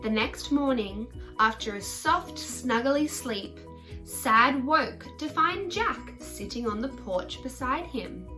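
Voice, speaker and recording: A woman's voice: on the high side, expressive, takes it slowly, music in the background. A woman storyteller reading a picture book aloud to children in a simple, child-directed way.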